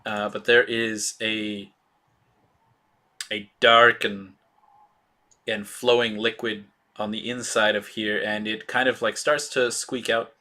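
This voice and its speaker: A man running a tabletop role-playing game as game master, describing scenes in a halting way with many fillers. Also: fairly low pitch, level tone, sharp tone.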